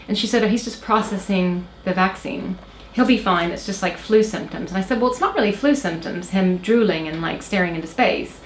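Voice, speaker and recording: Telling a personal story as an interview guest, a thirtysomething Oklahoma woman speaks in a medium-pitched voice, American with a slight Irish lilt. She goes briskly with few pauses, yet her telling is hesitant, peppered with fillers and restarts. Her audio has a roomy echo and faint background noise.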